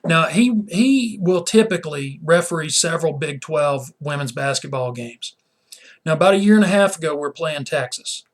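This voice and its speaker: A man's voice: fairly high pitch, expressive, moderate pace. A man ranting indignantly in a vlog as a sports fan, often repeating his words. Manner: repeats words while talking.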